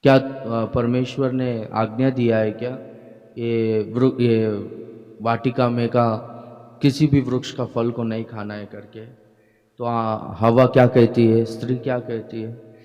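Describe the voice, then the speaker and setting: A man's voice: mid-range voice, flat delivery, slow pace, darkish tone. A male pastor preaching a sermon, asking the congregation rhetorical questions and often saying "praise the Lord". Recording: dull long-reverb hall sound.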